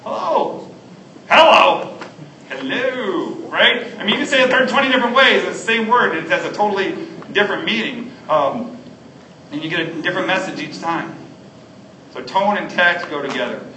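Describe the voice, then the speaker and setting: A man's voice: sits high, lively intonation, a little fast, pushed and bright, a little hiss or hum. A middle-aged man preaching a sermon as a pastor, earnest and conversational, with frequent ums. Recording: echoey room, mic at a distance.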